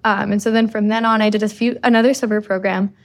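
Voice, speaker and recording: In this casual interview, the guest is a chatty undergraduate from Costa Rica, a young adult woman who fills her speech with "like" and "um." She speaks fast in a medium pitch with fairly even intonation.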